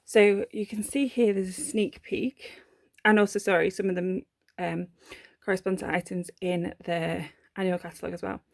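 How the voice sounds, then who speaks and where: A woman from the UK chats through a craft unboxing with a gravelly, creaky edge to her mid-pitched voice. She gushes over each item, filling gaps with ums and correcting herself as she goes. The sound is close and dry, with no room echo. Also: fairly even intonation, moderate pace. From United Kingdom. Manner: chatty and gushing, with many ums and self-corrections. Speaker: papercraft vlogger. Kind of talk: casual unboxing chat.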